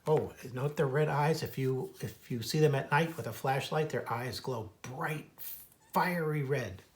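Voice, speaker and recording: A man from the United States with a mid-range voice reads a little slowly from a children's book he wrote. As a naturalist, he tosses in informal wildlife asides and mimics bird calls in a singsong manner.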